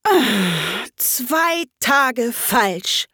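A woman's voice: a little high, big pitch swings, moderate pace, no echo, clean studio sound, voice pushed up. A woman voicing a restless, peevish male hatter in a storybook reading, with a clipped, contrary delivery.

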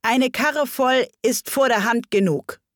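A woman voicing an agitated, bossy male rabbit who gives shrill orders in a storybook reading. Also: takes it slowly, no room sound, studio quality. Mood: commanding. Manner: shrill, commanding shouts.

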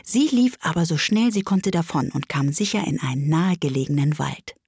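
A woman narrating a storybook with an expressive, lively reading. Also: deep voice, a little fast, breathy edge, no room sound.

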